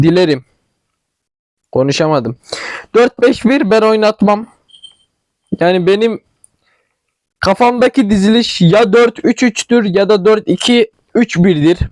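A young man speaks with a regional Turkish dialect in a fairly high voice, recorded close and dry with no room sound. He chats loosely over a football management game, thinking aloud, tripping over words and clearing a tickly throat. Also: darkish tone, no room sound. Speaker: gaming channel host. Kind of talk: casual game commentary.

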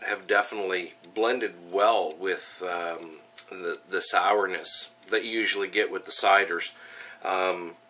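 A middle-aged man with a head cold hosts a casual, upbeat home brewing vlog, teaching and tasting with frequent ums and uhs through his stuffy nose. His deep voice is bright and forceful, fairly even in intonation, a little slow. He's far from the mic, starting in the kitchen and moving to a small room at home.

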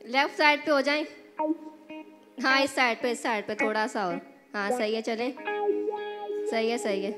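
A woman's voice: a little high, normal speed, long pauses, big-room sound, over music. A woman taking part in a game show, steadily calling out directions to a blindfolded player. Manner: steady, calm guiding directions.

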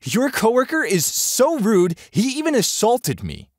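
A man voicing a shrill, entitled middle-aged woman passenger who talks in an indignant, accusing way. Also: huge pitch swings, measured pace, no echo, studio quality, full character voice.

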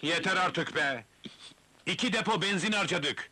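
A man's voice: high voice, measured pace, sharp tone, full character voice. A man voicing an exasperated male cockroach taxi driver who keeps complaining.

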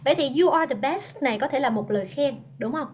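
A woman teaching English in an online class, encouraging and repeating words slowly for her learners. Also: high-pitched, expressive, lo-fi sound, a little hiss or hum.

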